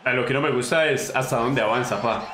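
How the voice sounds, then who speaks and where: Excitable Colombian man, bright echoey voice. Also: mid-range voice, a little fast, a faint crowd. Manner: excitable, slangy, talks to the opponent, bursts into yelps. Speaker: gaming channel host. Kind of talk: casual gameplay commentary.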